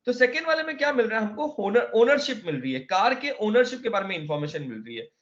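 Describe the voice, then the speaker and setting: A man's voice: high-pitched, sing-song, quick pace, fairly bright tone, highs cut off. A man teaching a classroom lesson, explaining step by step and often checking that students follow. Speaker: Arabic teacher.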